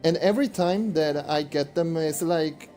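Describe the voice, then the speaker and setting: A young man streams a game and talks loosely to his chat, doubling back on his words. His voice sits a bit high and mellow, slightly hoarse. Faint music plays behind him. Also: normal speed. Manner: rambling, repeats himself, talks to chat. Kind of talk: casual live-stream chat while gaming.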